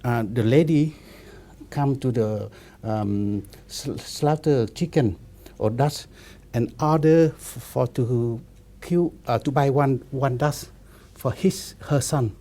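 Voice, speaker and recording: Man, 50s, Buddhist monk in a discussion; very mellow, dark tone, mid pitch; broken English with many restarts. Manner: halting, repetitive non-native English with many restarts. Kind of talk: relaxed spiritual discussion.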